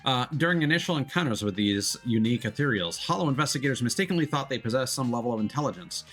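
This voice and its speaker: A male VTuber streams a video game, talking fast in a mid-range, slightly bright voice with lively intonation. He chats casually, reads the game's text aloud, and often stumbles over repeated filler words. Faint game music plays in the background.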